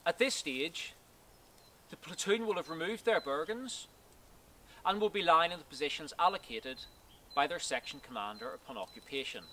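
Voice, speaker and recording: A man in his thirties teaches field drills outdoors with a bright, forceful voice whose pitch rises and falls a lot as he stresses each step. His delivery is measured and precise, like a prepared military briefing. Faint outdoor noise sits under the voice, picked up by a camera some distance away. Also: lively intonation. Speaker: cadet force instructor. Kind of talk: scripted instructional talk. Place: outdoors in woodland.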